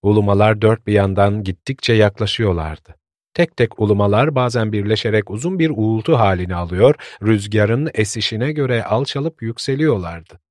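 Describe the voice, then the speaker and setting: A man narrating a story in a calm, measured storytelling voice. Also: fairly low pitch, dry recording, clean studio sound.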